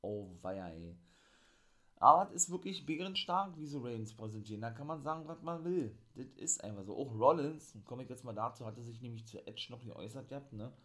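A man's voice: medium pitch, a little fast. A man hosting a wrestling review, talking casually and rambling with lots of fillers. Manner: enthusiastic, excitable. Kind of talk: casual monologue recap.

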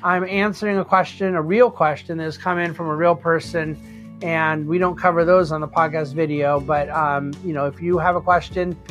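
A man hosting an unscripted financial commentary, conversational, with deliberately stressed phrases. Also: a little high, steady tone, a bit bright, faint music behind. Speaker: host and market commentator.

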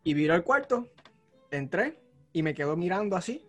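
A man telling a personal story in a casual podcast chat, animated and acting out the moments. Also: high-pitched, normal speed, faint music behind. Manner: animated storyteller, acts out shouts. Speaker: podcast co-host.

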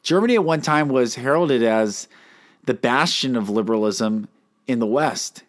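A man who can't roll his R's hosts a solo talk episode as a podcast host and life coach, questioning his listeners in an earnest, emphatic way. His medium-pitched voice is expressive and moves at normal speed.

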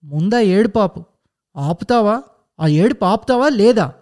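A man voicing a furious mother who shouts and scolds her young son. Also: very high-pitched, animated, fast talker, voice pushed up. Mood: shouting.

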